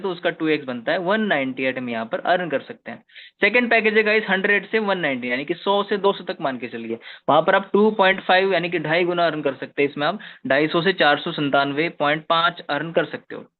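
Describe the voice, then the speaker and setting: A man presenting an investment plan, walking viewers through slides and often calling them "guys" or checking in with "okay". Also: fairly high pitch. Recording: tinny phone-like audio.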